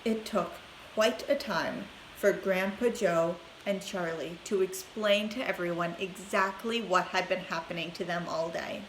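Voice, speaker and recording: Woman teacher reading a class book aloud; clear, expressive, roomy sound. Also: lowish voice, measured pace. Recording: roomy echo, faint hiss.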